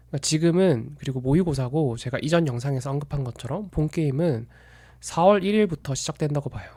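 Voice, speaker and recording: A man gives a reflective solo commentary on investing, measured and analytical, stopping now and then to correct a word. His voice sits a little high for a man. The recording is dry and close, with almost no room sound. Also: a little mellow, dry recording.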